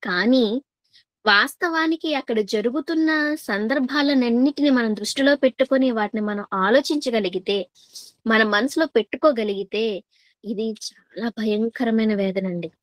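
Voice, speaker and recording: A woman preacher delivering a sermon in a fairly high voice. She keeps putting questions to her listeners and says key lines twice for weight. The sound is dry and close. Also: moderate pace, no room sound.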